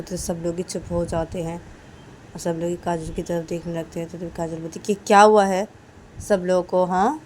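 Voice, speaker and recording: A woman's voice: fairly low pitch, dark tone, a little hiss or hum. A woman narrating a story casually, using simple, repetitive linking phrases.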